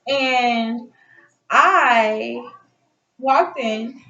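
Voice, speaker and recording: Chatting to camera like a vlogger, a woman rambles casually through a personal story. Her fairly high voice is bright and forceful, and she speaks very slowly. The recording has a roomy echo and a slightly dull lo-fi quality.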